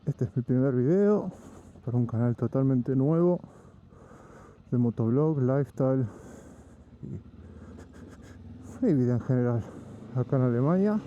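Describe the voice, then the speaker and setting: Mellow-voiced Argentine man vlogging from the road. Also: medium pitch, measured pace, long pauses, dull audio, a little hiss or hum. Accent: Argentine Spanish. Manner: relaxed, rambling, with frequent restarts. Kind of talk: casual vlog narration while driving. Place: in a vehicle on the road.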